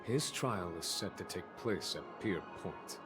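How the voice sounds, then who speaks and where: A man playing a composed, courteous general in an anime game, speaking in a measured, formal way. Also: low-pitched, lively intonation. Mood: grave. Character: composed, courteous male general, calm and authoritative. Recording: game music behind the voice.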